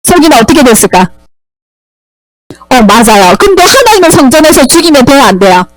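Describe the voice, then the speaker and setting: A woman's voice: high voice, big pitch swings, fairly quick, dry recording, poor audio. A woman teaching Sunday school, animatedly telling a Bible story and quizzing the children.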